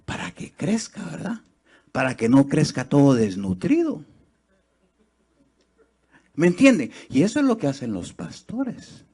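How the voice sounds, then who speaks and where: A man preaching a sermon in church, his delivery rising into loud, high, fast bursts of exhortation and then sinking to low, slow, nearly hushed lines. He keeps turning to the congregation with rhetorical questions. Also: big pitch swings, creaky, breathy edge.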